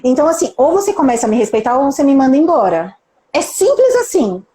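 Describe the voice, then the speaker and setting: Fast, high-voiced Brazilian woman. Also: sing-song, dark tone, reverberant. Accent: Brazilian Portuguese. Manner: emphatic, rhetorical questions, acts out quotes. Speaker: nurse manager and mentor, live guest. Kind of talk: motivational live talk.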